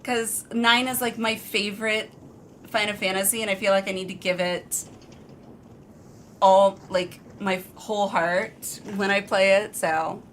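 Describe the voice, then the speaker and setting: A woman's voice: mid-range voice, fairly even intonation, a little slow, slight background noise. A woman live streamer chatting casually with her viewers in an informal, rambling, self-deprecating way. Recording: music behind the voice. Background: background music.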